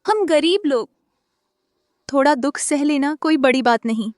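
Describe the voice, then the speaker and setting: A poor, anxious mother who pleads gently. Her voice is high and dry in this dubbed drama. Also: animated, a little slow, no room sound. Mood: pleading.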